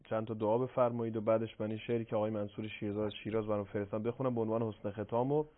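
Low-pitched man as live TV host, halting delivery, thin phone-like audio. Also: level tone. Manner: measured, hesitant with frequent fillers. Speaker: program host reading viewer questions. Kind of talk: live broadcast hosting. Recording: tinny phone-like broadcast audio.

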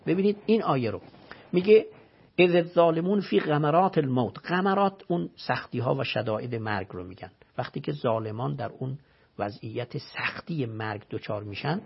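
A man's voice: medium pitch, vocal fry, lo-fi sound. A man, a religious scholar, giving an emphatic explanatory talk full of rhetorical questions and recited scripture, heard on a radio broadcast.

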